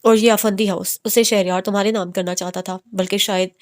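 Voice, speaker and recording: Woman doing young man, audio romance novel, calm, teasing, persuasive, flat level voice. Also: mid-range voice, a little fast, lightly acted. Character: young man, teasing yet steady heir.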